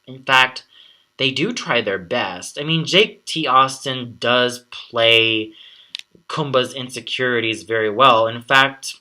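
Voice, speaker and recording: A man giving an exasperated, sarcastic film review, swearing often and pausing to collect his thoughts. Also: mid-range voice, sharp tone.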